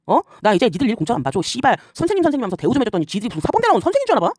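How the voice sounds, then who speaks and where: A woman scolding and swearing at her rivals in an angry rant, firing off rhetorical questions and tagging lines with a sharp "eh?". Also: a little high, huge pitch swings, racing, no room sound, clean studio sound. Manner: repeatedly tags lines with a sharp "eh?". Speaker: YouTuber addressing rivals.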